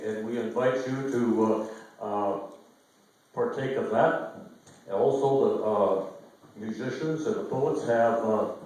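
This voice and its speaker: An older American man hosting an event, telling local history in a folksy, halting, informal way to a live audience. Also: medium pitch, dark tone. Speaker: host. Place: inside an old theater, amplified to an audience. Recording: echoey theater hall, distant microphone.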